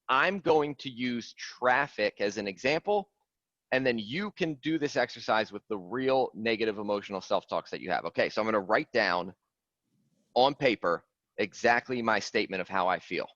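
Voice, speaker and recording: An earnest, animated man leads a coaching call and drives his points home through repetition. His voice sits at a middle pitch. The call audio is dull and lo-fi, with a dry, close sound. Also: moderate pace, dry recording. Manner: earnest, animated, repeats key phrases. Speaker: fitness coach. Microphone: video call.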